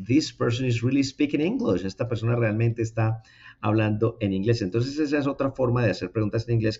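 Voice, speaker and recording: A man's voice: on the low side, darkish tone, dull audio. A man giving an online English lesson, explaining step by step and checking in with his students. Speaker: English teacher.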